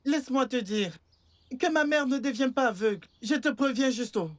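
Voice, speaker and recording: A man's voice: very high-pitched, expressive, normal speed. A young man playing a son who swears revenge for his blinded mother, speaking threateningly in a French-dubbed film drama. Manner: threatening, vengeful. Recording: film soundtrack with faint music.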